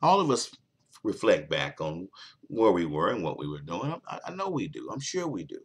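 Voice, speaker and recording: Deep-voiced man giving an earnest talk. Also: big pitch swings, moderate pace, slightly rough. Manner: earnest, repetitive, emphatic. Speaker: talk show host. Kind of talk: motivational monologue.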